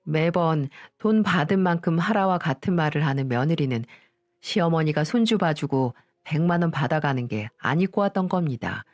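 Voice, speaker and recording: A woman's voice: sits low, animated, normal speed, dry recording. An older woman narrating her own story on story radio, indignant, turning to speak to her listeners directly, in a dry recording with faint music.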